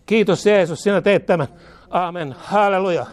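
A man leading a charismatic healing prayer, chanting lines in repetition, speaking in tongues, and having listeners repeat each line after him. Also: sits high. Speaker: preacher.

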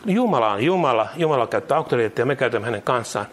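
A man's voice: mid-range voice, expressive. A man preaching a sermon, emphatic and fervent, leading his listeners through declarations they repeat line by line. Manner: emphatic, builds to rising fervor.

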